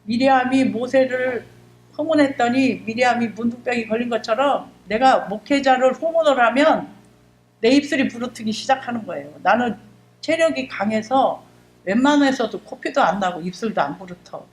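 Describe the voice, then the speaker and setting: A woman's voice: a little high, lively intonation, moderate pace. Fervent middle-aged woman, echoey church. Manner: emotional, fervent storytelling, acts out her own prayers. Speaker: church deaconess giving testimony. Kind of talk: church testimony. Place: church sanctuary. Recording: echoey church hall with faint hum.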